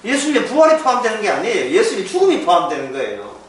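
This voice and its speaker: A pastor giving a Bible lecture in church, joking and repeating key words. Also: male voice, sits high, huge pitch swings, racing. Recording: echoey hall, mic far off, faint background noise.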